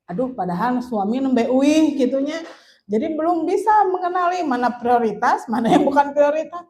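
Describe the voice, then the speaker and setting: A woman's voice: high-pitched, animated, moderate pace, darkish tone, a little hiss or hum. Chatty woman giving parenting talk. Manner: chatty, mixes languages, laughs often, acts out quotes. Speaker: parenting speaker at a parents' meeting.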